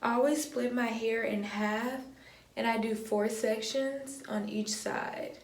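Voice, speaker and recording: A young woman vlogger, talking viewers through a hair tutorial in a relaxed, chatty way, a little groggy from just waking up. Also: on the high side, slow pace. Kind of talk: casual how-to tutorial. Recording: echoey room with faint ambience.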